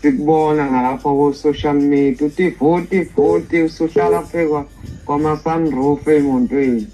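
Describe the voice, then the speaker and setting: A man's voice: on the high side, steady tone, normal speed, mellow. Zulu-accented man phoning in over music. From South Africa. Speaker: fan calling in. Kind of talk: casual phone chat. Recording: phone call with music behind.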